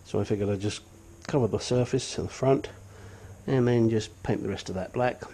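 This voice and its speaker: An older man with a sniffly nose, a hobbyist engine restorer, chats through his work in a cluttered home garage workshop. His fairly low, warm voice keeps a moderate pace, and his manner is blunt, chatty and self-deprecating, with slight background noise.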